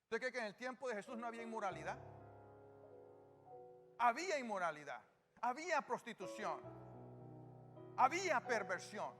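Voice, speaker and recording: An extremely high-pitched, bright and forceful male voice delivers a sermon in a Salvadoran Spanish accent. The pastor repeatedly questions his congregation and gives the answers himself, with music and reverb from the church hall in the background.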